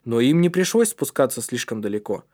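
A man reading a storybook aloud as narrator in a steady, measured way. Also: mid-range voice. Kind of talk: audiobook narration.

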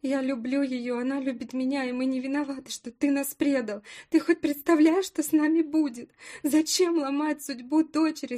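A woman's voice: high-pitched, dark tone, voice pushed up. A woman narrator voices a heartbroken young wife pleading in a raised voice. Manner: pleading, rising to desperate cries.

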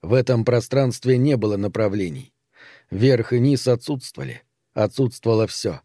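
A man reading an audiobook in a measured storytelling manner. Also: mid-range voice, warm tone, dry recording, clean studio sound. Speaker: narrator. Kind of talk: audiobook narration.

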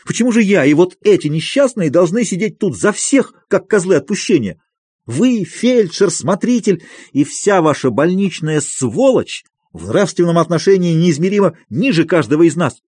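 A man voicing a shrill, raging asylum patient. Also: sing-song, normal speed, husky, no echo, clean studio sound, full character voice. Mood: indignant. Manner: shouting, shrill, accusing. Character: furious agitated male asylum patient. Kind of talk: audiobook character reading.

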